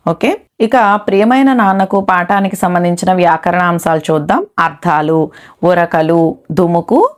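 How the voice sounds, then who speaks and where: A woman with a lower voice teaches a Telugu exam-prep lesson. She reads out notes and word lists steadily, one item after another, moving on with a quick "next.". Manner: steady list-like dictation with "next" transitions.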